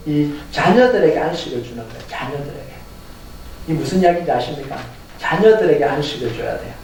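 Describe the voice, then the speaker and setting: Male pastor, sermon, lively swooping delivery, chuckles, booming reverberant church from afar. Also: slight background noise. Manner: animated, talks straight to the congregation with rhetorical questions; chuckles through his points. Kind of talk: Sunday sermon. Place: church sanctuary. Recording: echoey hall heard from a distance.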